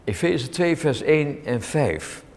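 A man preaching a sermon in an emphatic, dramatic way, his voice swinging widely in pitch and loudness. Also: sing-song, slow pace. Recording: long hall reverb.

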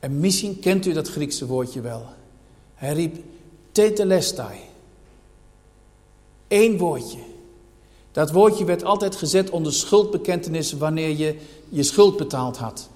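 A man's voice: fairly high pitch, lively intonation, measured pace, long pauses. Man preaching emphatically in an echoing hall. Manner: emphatic preaching, rising to loud declarations. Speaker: pastor. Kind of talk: sermon. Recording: long hall reverb.

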